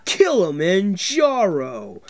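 Man doing mock fighting-game announcer calls, swooping pitch. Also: huge pitch swings, takes it slowly. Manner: exclamatory, swears casually, mock fighting-game announcer shouts. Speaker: gameplay show co-host. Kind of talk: casual joking gaming commentary with mock arena-announcer calls.

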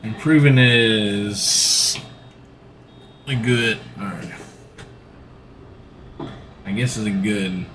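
He's a middle-aged man streaming a farming game from a gaming seat at home, rambling easygoingly as he plays. His fairly low, fairly bright voice draws out words and pauses often, over a faint hiss or hum.

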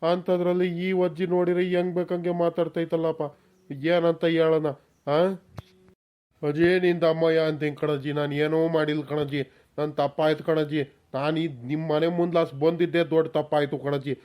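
A man's voice: a little high, a little fast, clear, resonant tone, muffled recording, close to an everyday voice. A man voicing a timid village man in a cartoon, who mutters nervous asides to himself and pleads his innocence. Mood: pleading. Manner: nervous muttering asides, flattering when addressing the granny. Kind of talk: cartoon voice acting.

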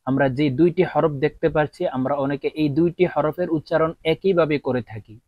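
A man teaching Arabic letter pronunciation, chanting slow drills and then quickly explaining. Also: fairly high pitch, no echo. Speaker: Quran reading teacher. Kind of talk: slow drilled recitation lesson. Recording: dry, tinny phone-like sound.

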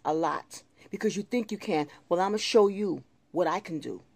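A woman's voice: lowish voice, moderate pace, creaky, a little mellow, breathy edge, dry recording. Angry, profane New woman ranting. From New York City. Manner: profane, repetitive, emphatic. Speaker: vlogger. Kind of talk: angry rant to camera.

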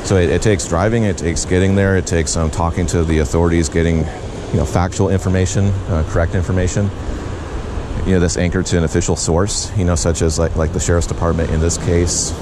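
Male host, deep voice, rambling on-scene narration, outdoor camera audio with clear wind noise. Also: brisk. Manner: relaxed, rambling with many fillers and restarts. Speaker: news videographer and show host. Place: outdoors on a windy beach bluff. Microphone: handheld action camera.

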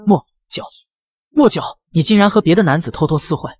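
A man's voice: on the high side, lively intonation, quick pace, natural voice. A man voicing a cold, stern, powerful young official who gives curt commands.

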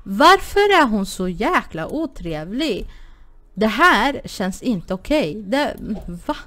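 A woman's voice: on the high side, sing-song, a bit bright. A woman hosting a gaming channel, chatting casually through a life-sim game, often exclaiming and talking to her characters. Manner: chatty, exclaims and laughs, talks to her sims. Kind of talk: casual Let's Play commentary.

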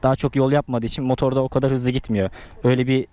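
Fast-talking young man vlogging inside a helmet. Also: medium pitch, little pitch movement, warm tone, dull audio. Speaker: motorcycle vlogger. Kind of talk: casual motovlog chat and commentary.

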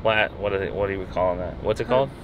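A man's voice: low-pitched, fast, dull audio, a loud crowd. A middle-aged father chatting casually in a family vlog, teasing with dry sarcasm. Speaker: vlogger father.

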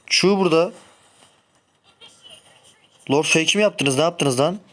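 A man's voice: on the high side, slow pace. A young man streaming and commenting on his own gameplay, grumbling and swearing when things go wrong. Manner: frustrated, shouts sharply when the game goes wrong. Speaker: gaming streamer.

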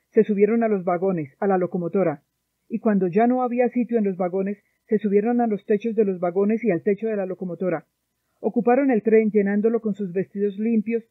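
A woman from Colombia reading a novel aloud in a measured, sombre narration, heard through a dry, tinny phone-like sound. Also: mid-range voice, no echo. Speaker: audiobook reader. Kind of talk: literary narration.

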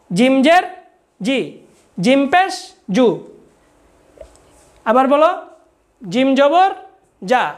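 A young woman teaching Quran reading, slowly sounding out Arabic letters and vowel marks for her students to repeat. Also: high-pitched. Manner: slow, syllable-by-syllable recitation and patient instruction.

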